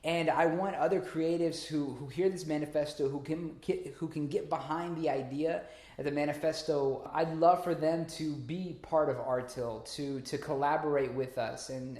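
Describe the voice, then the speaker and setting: A man's voice: a little high, darkish tone. A man talking casually to camera as a vlogger, rambling with fillers and restarts. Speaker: vlogger and small business owner. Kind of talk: casual vlog talk to camera. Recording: roomy echo.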